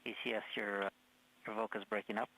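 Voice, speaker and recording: A man's voice: fairly low pitch, flat delivery, fast talker, vocal fry, bright, forceful tone, a little hiss or hum, poor audio. Man running mission control radio procedure. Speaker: flight director running a poll.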